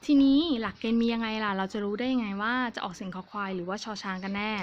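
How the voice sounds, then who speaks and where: A woman giving a pronunciation lesson, speaking clearly and carefully and repeating each example word twice. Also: mid-range voice, steady tone, quick pace, dull audio, slight background noise. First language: Thai. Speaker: language teacher. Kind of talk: slow, patient pronunciation lesson.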